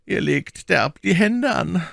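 A man's voice: sits high, lively intonation, takes it slowly, gravelly, a bit bright, dry recording, clean studio sound, pitched above the performer's own voice, full character voice. A man reading an audiobook, voicing a scheming older male cardinal in a raised, lilting, coaxing voice. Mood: probing. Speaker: audiobook reader.

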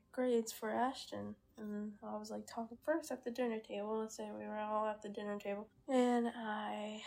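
A woman's voice: on the high side, creaky, a little mellow. A young girl answering interview questions on a podcast, chatty and playful. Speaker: guest.

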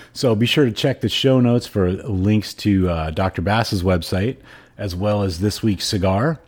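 A man hosting a podcast and reading aloud in a hoarse, froggy voice. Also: low voice, darkish tone. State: hoarse throat. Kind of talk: audiobook-style reading and podcast sign-off.

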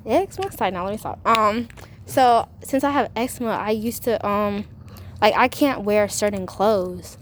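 A young woman guesting on a podcast, chatting freely and peppering her talk with "like". Her pitch sits in an ordinary middle range, with a faint hiss in the background. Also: normal speed. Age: young adult. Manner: chatty, fills speech with "like". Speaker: guest, college student. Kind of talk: casual chat.

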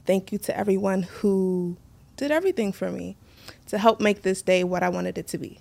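A woman in her twenties co-hosting a podcast, chatting casually with quick asides and frequent laughter. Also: medium pitch, vocal fry, darkish tone. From United States. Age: 20s. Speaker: podcast co-host. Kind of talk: casual chat.

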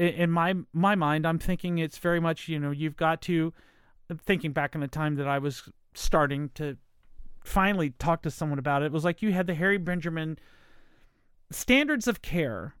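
A woman's voice: low-pitched, clean tone, no echo, clean studio sound. A middle-aged American woman in a casual, rambling, apologetic monologue, emphatic at times, her speech slightly impeded by dental aligners. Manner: rambling, circling back, apologetic.

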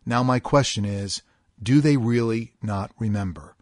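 A middle-aged man hosting a podcast, talking in an earnest, deliberate way and stretching out key words as he reads a listener's post. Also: fairly low pitch, darkish tone, dry recording, studio quality. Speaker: podcast host. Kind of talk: podcast monologue reading a listener posting.

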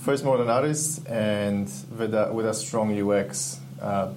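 A man's voice: on the low side, a little slow. A man from Ecuador, talking as an interview guest, enthusiastic and reflective as he searches for words. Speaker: guest, game UI/UX artist. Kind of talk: casual interview chat. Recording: steady background hum.

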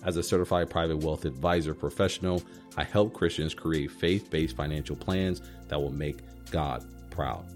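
Deep-voiced male podcast host over music. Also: moderate pace, a little mellow. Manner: explanatory, addresses the listener directly. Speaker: financial advisor hosting podcast. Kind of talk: scripted podcast talk with explanatory asides.

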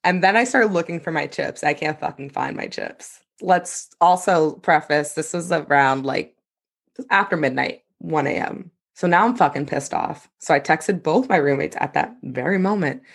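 A young woman co-hosting a podcast, telling animated stories and swearing freely in casual chat. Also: deep voice, normal speed, gravelly. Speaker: podcast co-host.

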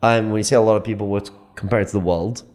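A man in his late thirties arguing his point in a casual podcast chat, emphatic and animated, often repeating himself. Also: lowish voice, quick pace. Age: 30s. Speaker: podcast guest.

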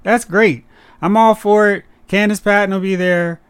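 Wry man with a smooth, high voice. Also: flat delivery, dry recording. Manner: wry, quick with jokes. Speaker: podcast co-host. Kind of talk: casual chat about superhero movies.

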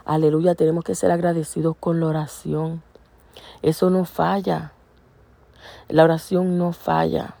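A woman's voice: deep voice, level tone, unhurried, gravelly, dark tone, dry recording. A woman giving an informal sermon, earnest and exhorting, repeating her points. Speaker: preacher.

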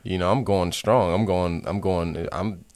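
A young man co-hosting a podcast, telling an embarrassing story in a laid-back, deadpan way. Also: sits low, a little slow. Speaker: podcast co-host.

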